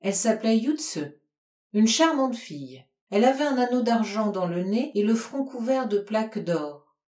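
A woman reading a storybook, voicing a suave, evasive man who answers with calm, light mockery, in a lower voice than her narration. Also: normal speed, echoey room, lightly acted. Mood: nonchalant.

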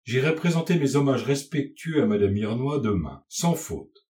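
An oily, scheming count, voiced by a man reading a story, speaks with falsely polite, smooth manners. He is courteous on the surface but pushy. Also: medium pitch, sing-song, normal speed, a little mellow, close to an everyday voice. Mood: unctuous.

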